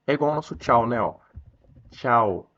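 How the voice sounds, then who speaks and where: A man with a Brazilian accent teaching English, explaining a text line by line and reading the English sentences slowly. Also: lowish voice, animated, muffled recording. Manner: slows down to read English sentences aloud.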